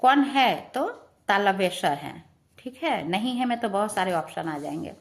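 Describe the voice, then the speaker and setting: A woman's voice: medium pitch, expressive, moderate pace. A woman teaching a grammar lesson to students, patient, repeating each question and answer and checking in with them often. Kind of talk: classroom lesson explaining to students.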